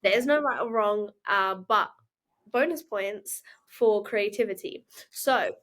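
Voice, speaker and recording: A woman hosting a casual interview, running quick quiz games and laughing often. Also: medium pitch, a bit bright. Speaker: host.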